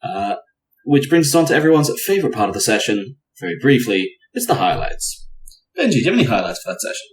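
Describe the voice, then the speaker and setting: A man's voice: mid-range voice, very animated, fast. A man acting as game master, leading a casual recap of a tabletop session in a dry, mock-exasperated way. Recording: roomy echo, faint noise.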